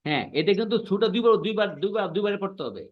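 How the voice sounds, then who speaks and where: Male language teacher, fairly high voice, patient and repetitive, checks understanding often; muffled online-class audio. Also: very animated, racing. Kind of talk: online class explaining pronunciation.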